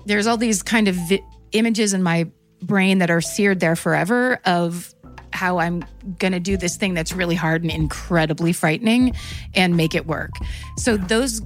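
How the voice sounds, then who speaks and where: A woman's voice: on the low side, normal speed, faint music behind. A woman comedian telling stories in a casual interview, rambling and self-mocking, laughing often. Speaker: guest comedian.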